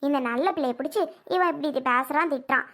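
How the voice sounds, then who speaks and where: A high-pitched old grandmother, played by a woman, who scolds her son bluntly. She turns syrupy and coaxing when she talks to the little girl. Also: fast talker, a bit bright. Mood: scolding. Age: older. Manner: scolds the son, coaxes the child sweetly.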